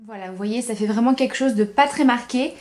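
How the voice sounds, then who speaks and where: A young woman talking through a makeup tutorial, enthusiastic, repeating words for emphasis and pausing with frequent hesitations. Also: fairly high pitch, a little mellow. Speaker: beauty vlogger.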